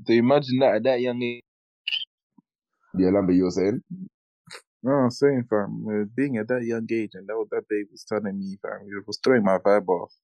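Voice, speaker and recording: Low-voiced young London roadman, dry sound. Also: moderate pace, pauses often, no room sound, dull audio. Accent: London, urban roadman slang. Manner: slangy, animated, exclamatory. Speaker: podcast co-host. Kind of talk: casual banter and story reading.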